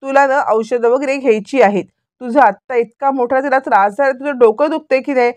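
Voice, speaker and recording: A woman reading out the lines of a stubborn, sharp-tongued young woman from a television serial, pleading and insisting. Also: sits high, brisk, dry recording, lightly acted. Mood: insistent.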